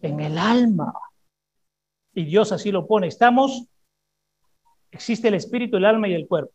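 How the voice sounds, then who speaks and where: A woman's voice: medium pitch, animated, moderate pace, darkish tone, slightly rough. Emphatic woman preaching a sermon. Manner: asks the congregation rhetorical questions and has them repeat phrases; emphatic, with frequent repetition. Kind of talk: sermon to a congregation. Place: church service before a congregation.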